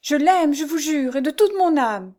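A desperate young married woman begging to be let go, as a woman reading the story puts her on. Her lines climb well above the reader's usual pitch and come out loud. She sounds pleading and frantic. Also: moderate pace, close to an everyday voice.

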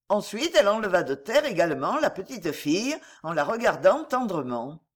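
A woman narrating a fairy tale in a measured, expressive storybook reading. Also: mid-range voice.

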